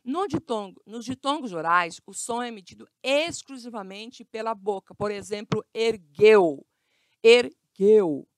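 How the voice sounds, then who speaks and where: A woman's voice: a little high, lively intonation, fairly bright tone, no room sound. A woman teacher with a Brazilian Portuguese accent, giving a grammar lesson to children, stretching out words and often checking in with her class. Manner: slow, stretched words with frequent check-ins.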